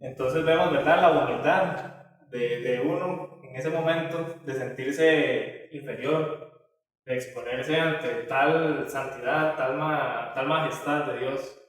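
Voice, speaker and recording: A man's voice: medium pitch, slow pace. A man teaching a Bible study lesson in a conversational way, with many filler tags and restarts. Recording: echoey hall from far off.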